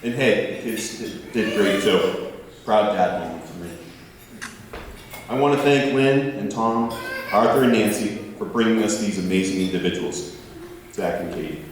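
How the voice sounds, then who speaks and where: A man's voice: fairly low pitch, moderate pace, pauses often. A man giving a best man's toast, telling stories in a jokey, theatrical way. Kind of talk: storytelling wedding speech to guests. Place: large indoor reception venue. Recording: echoey hall, distant, noisy background.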